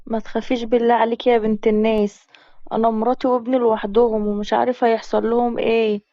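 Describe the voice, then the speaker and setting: A woman's voice: fairly high pitch, flat delivery, fast talker, no echo, dull audio, natural voice. A woman with an Egyptian accent voicing a wounded man on the run who pleads urgently for help. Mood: urgent pleading. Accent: Egyptian Arabic.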